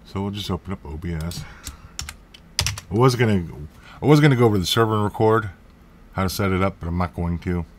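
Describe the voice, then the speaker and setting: A man's voice: low voice, a little fast, long pauses, a little hiss or hum. A man hosting a casual computer tutorial, rambling and correcting himself with jokey asides. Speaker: tech tutorial host. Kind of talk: casual screen-recorded tutorial.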